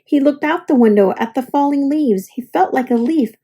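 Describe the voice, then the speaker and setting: A woman's voice that sits high carries a children's picture book reading, delivered as deliberate, expressive storytelling for little listeners.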